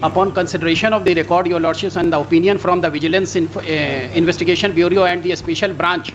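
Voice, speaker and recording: A high-pitched man reads a document aloud in formal legal style. The courtroom recording is muffled, with clear noise. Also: flat delivery, quick pace. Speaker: court speaker reading out a decision. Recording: muffled, noisy courtroom stream.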